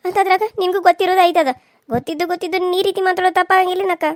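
Tearful young bride in a cartoon serial played by a woman, North Karnataka Kannada accent, very high voice, fast. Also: steady tone, dry recording, clean studio sound. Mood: pleading. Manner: soft, pleading.

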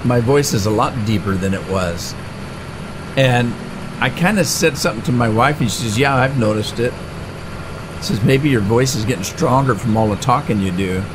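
This gaming channel host is a middle-aged man with a medium-pitched voice and moderate pace, chatting his way through a farming game let's-play with lots of fillers and restarts. Game engine noise, tractors included, is plainly audible under his voice.

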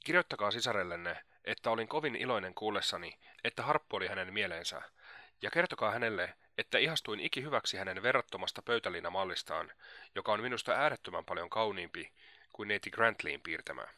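A man reading as a gushing, flattering young lady. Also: on the low side, no room sound, studio quality. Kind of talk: audiobook character reading.

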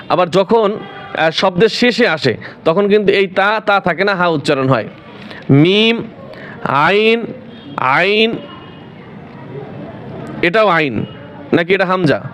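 A man's voice: high-pitched, fairly bright tone, slight background noise. A man teaching Quran reading at home, calling out Arabic letters one by one and patiently explaining each.

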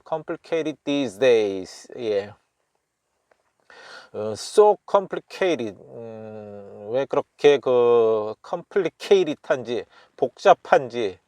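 A man chatting casually as he studies, chuckling often and repeating phrases slowly while thinking aloud. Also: medium pitch, darkish tone, no echo. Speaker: self-taught language learner. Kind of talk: casual study commentary.

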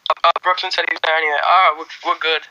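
Speaking into a phone held close in a small room, a young adult livestreamer with a mostly worn-off Irish accent rambles through viewer comments in a relaxed way, full of ums and restarts. His slightly high voice sounds very bright and forward, he races along, and the highs are cut off.

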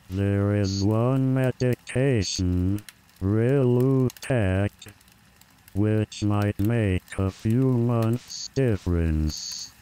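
A man reading a scripted personal essay in measured, deliberate phrases with pauses. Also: lowish voice, mellow, a little hiss or hum, rough recording.

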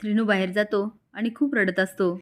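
A woman's voice: medium pitch, steady tone, normal speed. Woman narrating a serial recap. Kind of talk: storytelling recap.

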